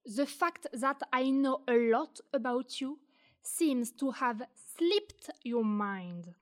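In a student audio drama, a woman with a high voice speaks slowly as a spiteful young crew member. Scornful and threatening, she warns she'll spill secrets.

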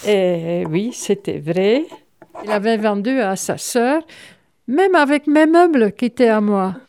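Slow-spoken elderly woman reminiscing. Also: mid-range voice, animated, darkish tone, slight background noise. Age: older. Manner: halting, reminiscing, wry. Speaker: great-grandmother recalling her past. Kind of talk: personal recollection for a documentary.

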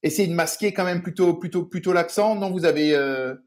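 A man's voice: sits high, brisk. A man moderating a panel, asking long questions with repeated words and stumbles.

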